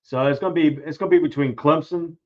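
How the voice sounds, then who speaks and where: A man's voice: a little high, fast talker, a little mellow. A man giving casual sports analysis as a guest, repeating and restarting his phrases. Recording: dull lo-fi audio.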